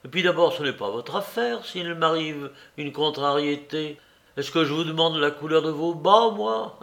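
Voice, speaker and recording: A man's voice: a little high, moderate pace, vocal fry, a bit bright. A man voicing a brusque, irritable office clerk who scolds and snaps at a colleague. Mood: scolding. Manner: curt, scolding, snapping.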